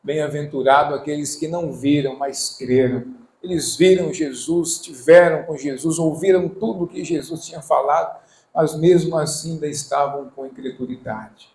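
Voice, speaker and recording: Male pastor, slow emphatic sermon delivery, somewhat high voice, roomy echo. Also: darkish tone. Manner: slow, emphatic preaching with rising scripture readings and call-and-response. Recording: echoey room.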